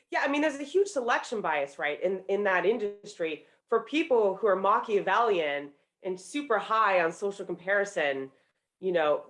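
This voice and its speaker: A woman's voice: mid-range voice, a bit bright. A woman in her thirties, a professor and author appearing as a guest, explaining her points fluently and confidently. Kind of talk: interview answers.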